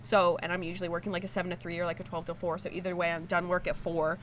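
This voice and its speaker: A woman's voice: lowish voice, flat delivery, rapid-fire, a bit bright. Young woman co-host, casual and chatty, recorded outdoors with faint noise. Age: 20s. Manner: chatty, imitates people in her stories. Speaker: podcast co-host. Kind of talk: casual chat. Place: outdoors at a cookout.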